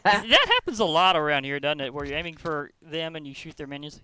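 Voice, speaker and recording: Upbeat male host, bright tense voice, jokey play-by-play. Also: on the high side, fairly quick, slight background noise. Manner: excitable, chatty, jokey. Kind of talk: gameplay commentary.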